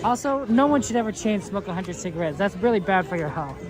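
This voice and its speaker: A livestream host chats casually outdoors in a theme park. The voice is mid to high and rambles in a jokey way, with music and crowd clearly audible. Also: expressive, quick pace. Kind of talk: casual chat with livestream viewers. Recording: loud music and crowd around.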